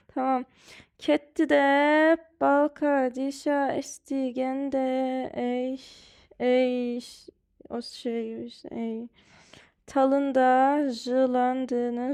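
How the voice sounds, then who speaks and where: A woman teaching a language lesson, translating lyrics word by word with slow, halting explanations full of fillers. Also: high voice, gravelly, a little mellow, smooth.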